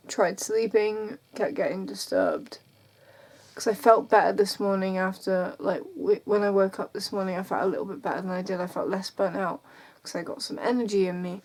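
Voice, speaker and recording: A tired, burnt-out woman talking casually and confessionally in an emotionally drained, halting way, often trailing off mid-thought. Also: mid-range voice. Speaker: vlogger. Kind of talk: casual confessional talk to camera.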